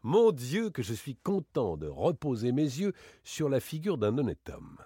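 A man voicing a playful, boastful gentleman thief in a dramatic audiobook reading, teasing and theatrical. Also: very animated, unhurried, husky, no echo, studio quality. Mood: mocking, boastful. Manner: teasing, theatrical, swings between bright exclamations and low asides.

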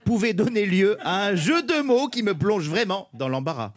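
High, lively-voiced radio comedian man. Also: moderate pace. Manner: playful, punning. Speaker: radio comedian, show regular. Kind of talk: comic radio banter.

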